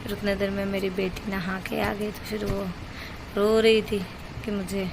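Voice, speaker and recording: Young woman home vlogger, roughened voice, rambling chatty delivery, fairly level pitch, faint background hiss. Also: flat delivery, moderate pace. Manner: rambling, chatty storytelling of chores. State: voice worn rough. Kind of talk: casual daily-life vlog narration.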